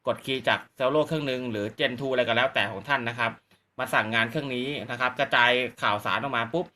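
A man's voice: medium pitch, fast, sharp tone. A man hosting a casual gadget demonstration, explaining politely with repetitive phrasing. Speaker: YouTube channel host.

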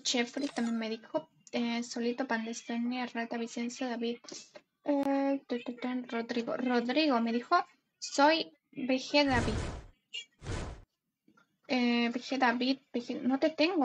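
Una mujer joven que transmite en directo un juego, charlando de forma juguetona y leyendo en voz alta los nombres de su chat. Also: female voice, on the high side, little pitch movement, normal speed, a little hiss or hum. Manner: chatty, playful, greets viewers and reads chat names aloud. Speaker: gaming live streamer. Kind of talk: casual live stream chat.

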